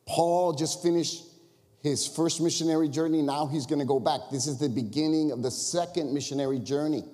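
A man's voice: a little high, a little mellow. A male pastor preaching a sermon to his church, telling a personal story in a chatty way with frequent "right?" and "you know?" asides. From Chicago area. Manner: conversational storytelling with confessions and crowd asides. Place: church sanctuary. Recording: long reverb of a church hall.

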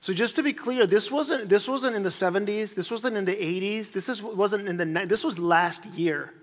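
A man's voice: high-pitched, normal speed. A man preaching a sermon as pastor, talking to his congregation in a conversational way with frequent restarts and asides. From grew up in Chile as a missionary kid. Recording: church hall reverb.

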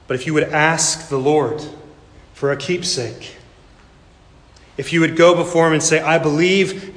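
A pastor preaching an emphatic sermon with dramatic pauses, in a church sanctuary. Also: male voice, mid-range voice. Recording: echoey hall with long reverb.

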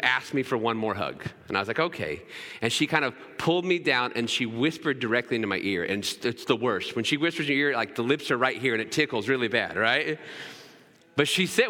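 This pastor, a man in his thirties, delivers his sermon in a church sanctuary in a relaxed, conversational way, frequently tossing in "right?". His voice sits mid-range and sounds bright and forceful, with long hall reverb around it.

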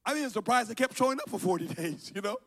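A middle-aged pastor from Liberia preaching a sermon, dropping to quiet storytelling and rising to shouted calls. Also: male voice, high voice, animated, fast. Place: church sanctuary.

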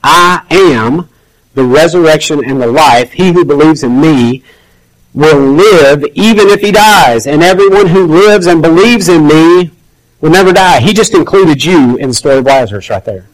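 Pastor guy preaching, talks like he's chatting, does little voices, voice a bit on the high side. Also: lively intonation, moderate pace, low-quality recording. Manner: conversational, acts out quoted voices. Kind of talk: sermon.

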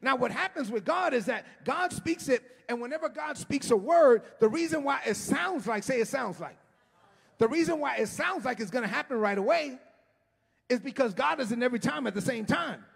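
A middle-aged man preaching an impassioned sermon as a pastor, often shouting and stretching his words, recorded in a church sanctuary. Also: extremely high pitch, lively intonation, moderate pace, gravelly, slightly rough. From United States. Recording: long hall reverb.

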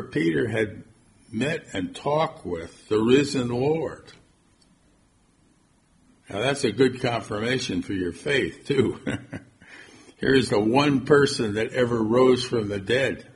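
A man's voice: medium pitch, animated, slow pace, creaky, a little hiss or hum. A man preaching a conversational sermon, reading scripture and asking his listeners rhetorical questions.

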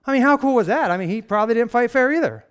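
A man's voice: very high voice, lively intonation, very fast, clean tone. A man preaching a casual sermon, telling a Bible story with sarcastic, conversational asides and acted quotes. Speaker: pastor.

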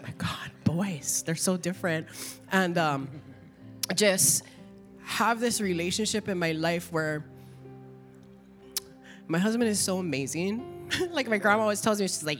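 A woman's voice: on the low side, big-room sound. A middle-aged woman giving an emotional, chatty Easter testimony at church, saying "like" often.

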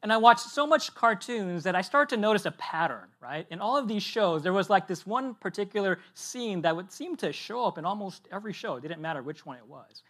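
A male pastor in his thirties preaches a sermon like a friendly chat, telling stories with lively energy. His voice sits high for a man. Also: fairly quick, few pauses. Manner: lively, chatty storytelling.

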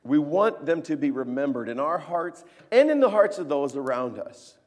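A man in his thirties preaching a sermon as pastor, earnest, moving between hushed tones and emphatic peaks. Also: a little high, sing-song, moderate pace. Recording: long reverb of a church hall.

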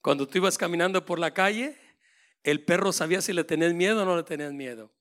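Fiery high-voiced man preaching a sermon. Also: fast talker. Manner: impassioned, swings between loud proclaiming and hushed asides.

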